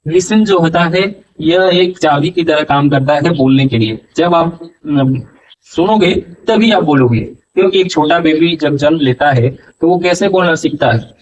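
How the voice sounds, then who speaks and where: Male teacher, slightly high voice, very slow deliberate pace, mic set back at a distance. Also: dull audio. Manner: slow, drawn-out dictation of English words; switches between Hindi and halting English. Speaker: English teacher. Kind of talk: spoken English lesson.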